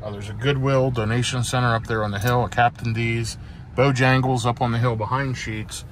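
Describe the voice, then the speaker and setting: A middle-aged man casually narrating his drive from inside a moving car, unhurried and halting, with frequent filler sounds. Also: medium pitch, fairly even intonation, poor audio. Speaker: EV road-trip vlogger. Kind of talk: casual narration while driving. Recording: loud car road noise. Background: loud road and engine noise.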